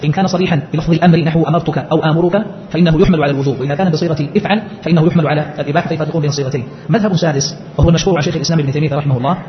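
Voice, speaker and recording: Very fast and fairly even in intonation, a teacher with a somewhat high voice works through a scholarly text, questioning and answering himself. The lecture sounds muffled and lo-fi, a faint hiss behind it.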